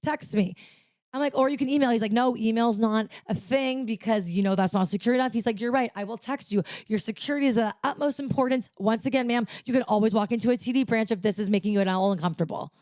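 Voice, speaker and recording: A woman's voice: a little high, fast talker, a little mellow, no room sound, studio quality. A young woman co-hosting a casual podcast, telling a story animatedly and acting out both sides of a phone call. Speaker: podcast co-host. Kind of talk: casual chat.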